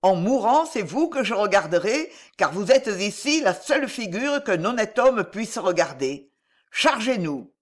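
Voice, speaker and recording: A gallant young knight, as a reader gives him voice, speaks with brave courtesy. His lively, rising lines carry an old-fashioned chivalry in this audiobook adventure. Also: mid-range voice, unhurried. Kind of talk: audiobook character voice.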